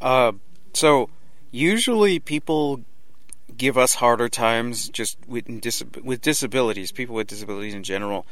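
A man's voice: medium pitch, moderate pace, a bit bright, no room sound. A man in a casual conversation, thoughtful, building up a long question for another speaker.

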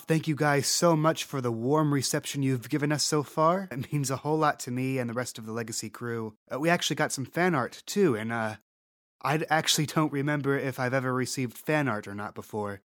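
A man narrating a tabletop game as host, relaxed with playful asides. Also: medium pitch, no echo, clean studio sound. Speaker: game master and podcast host.

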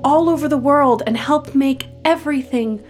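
A woman playing a hotline operator who coaxes with a soothing tone, then slips into brisk customer-service cheer. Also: sits high, darkish tone, lightly acted. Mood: coaxing. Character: chirpy, callous female hotline operator. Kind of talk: audio drama acting.

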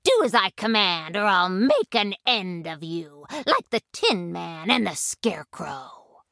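A woman's voice: fairly low pitch, sing-song, gravelly, pushed and bright, dry recording, clean studio sound, exaggerated voice. A woman playing a menacing wicked witch. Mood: threatening. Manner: menacing, drawn-out threats. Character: wicked old witch, cruel and threatening.

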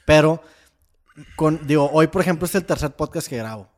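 A man's voice: a little high, animated, moderate pace. A tired young man with a Mexican Spanish accent, talking candidly on a casual podcast with plenty of slang. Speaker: podcast co-host.

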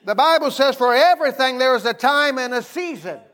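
High-pitched American man preaching informally. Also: expressive, fairly quick, fairly bright tone. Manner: folksy, conversational, repeats phrases and prompts listeners for response. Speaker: pastor preaching to a congregation. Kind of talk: informal sermon.

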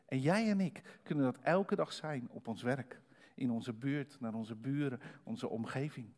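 A man preaching a sermon, building from calm reflection to rising, emphatic preaching. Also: mid-range voice, a little slow. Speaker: pastor.

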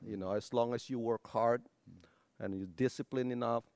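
Smooth-voiced man telling his story. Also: medium pitch, fairly even intonation, moderate pace, darkish tone, no room sound. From Indonesia. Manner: hesitant, with fillers. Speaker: guest. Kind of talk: interview testimony.

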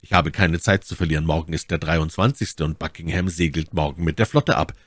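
A man's voice: no room sound, studio quality. A man voicing a grim, resolute young officer. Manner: somber, low and measured. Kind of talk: audiobook reading.

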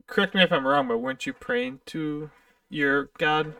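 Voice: medium pitch, big pitch swings, vocal fry, bright, forceful tone, no echo, recorded from a distance, full character voice. A game master voicing a group of nervous freed cultists who stammer and hesitate. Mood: timid, grateful. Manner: hesitant, halting with ums.

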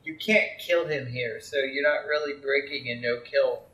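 A man's voice: medium pitch, normal speed, pushed and bright, reverberant, poor audio. A man co-hosting a casual game podcast, explaining tips in a chatty way. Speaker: podcast co-host.

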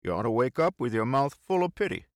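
A man's voice: mid-range voice, very animated, fast, dry recording, studio quality, voice pushed up, close to an everyday voice. A man voicing a boisterous, playfully preachy teasing man in audiobook dialogue, with emphatic, bantering delivery. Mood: mock scolding.

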